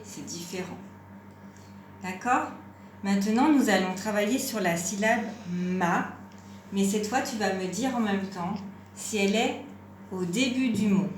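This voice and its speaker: Woman teacher for a small children's phonics lesson: slow and patient, stretches words, echoey room with faint noise. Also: medium pitch. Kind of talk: home-school phonics lesson for young children.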